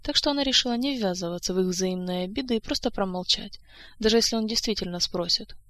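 A woman narrating an audiobook in a steady, even storytelling manner. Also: mid-range voice, quick pace, dry recording. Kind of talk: scripted narration. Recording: dry close-mic studio sound.

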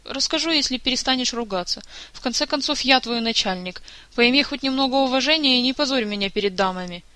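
A man's voice: quick pace, bright, forceful tone, clear, resonant tone, dry recording. A narrator voicing a timid, emotional young man who pleads in a raised, tearful voice, in an audiobook. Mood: pleading. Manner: pleading, tearful, higher pitched.

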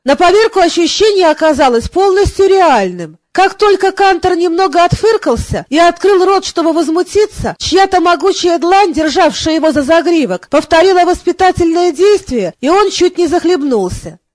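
A woman narrating an audiobook in a steady storytelling manner. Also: extremely high pitch, normal speed, few pauses, no room sound. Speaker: audiobook reader. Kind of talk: scripted narration.

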